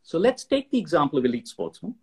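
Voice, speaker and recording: A man being interviewed as an expert, explaining ideas with lively stories and acted-out examples. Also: a little high, quick pace, husky. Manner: animated storyteller, acts out examples in voices. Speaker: guest expert. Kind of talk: conversational interview.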